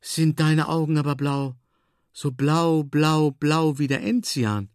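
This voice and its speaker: A man doing a fond, talkative lady who dotes on her dog, pitched well up and a bit louder than his narration, with bright sing-song exclamations. The reading is crisp and dry, with no room around it. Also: moderate pace, dry recording, lightly acted. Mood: amazed. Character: warm-hearted older woman, dog's owner, chatty. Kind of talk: audiobook character voice.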